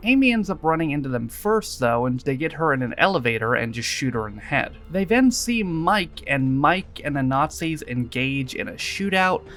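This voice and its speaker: A man's voice: a little high, sing-song, normal speed, few pauses, a bit bright, faint music behind. Foul-mouthed, exasperated male film reviewer. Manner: profane, sarcastic, exasperated ranting. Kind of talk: comedic film review narration.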